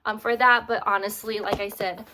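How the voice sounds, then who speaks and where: A woman's voice: mid-range voice, fairly even intonation, moderate pace, background noise. A woman vlogger giving a casual product review, chatty and friendly with many fillers, sounding slightly out of breath.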